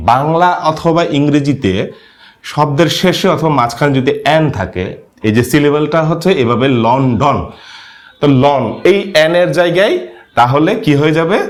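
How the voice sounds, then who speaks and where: Male teacher, animated pitch, patient lesson delivery with frequent "yes?" check-ins. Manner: frequent questioning "হ্যাঁ?" to check understanding; lively rising and falling pitch. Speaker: language teacher. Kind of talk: spoken language lesson.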